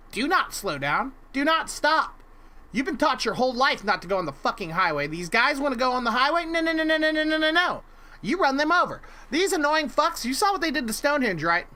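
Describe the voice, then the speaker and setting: A man's voice: very high voice, sharp tone. A man streaming live, reacting with crude, rowdy, laughing rants and profane commentary.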